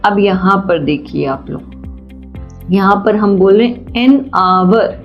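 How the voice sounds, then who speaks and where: A woman teaching a children's grammar lesson, patient and deliberate, often asking questions and answering them herself. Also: mid-range voice, lively intonation. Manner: slow and deliberate. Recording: dull lo-fi sound, faint music.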